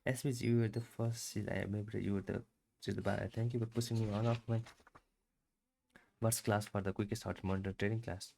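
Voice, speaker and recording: Low gravelly man reading aloud. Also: little pitch movement, mellow, a little hiss or hum. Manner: halting, stumbling read-aloud with restarts. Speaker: channel host reading a book aloud.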